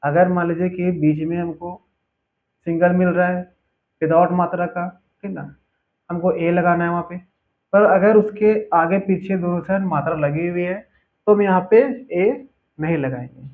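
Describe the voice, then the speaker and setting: A man teaching a spelling lesson, patiently repeating each word slowly for his students. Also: high voice, steady tone. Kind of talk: spelling lesson over a board. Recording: tinny phone-like audio.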